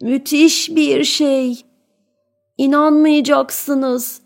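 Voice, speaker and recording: A woman voicing a small, frightened boy private who reports in high, urgent, drawn-out words. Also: steady tone, gravelly, faint music behind, exaggerated voice.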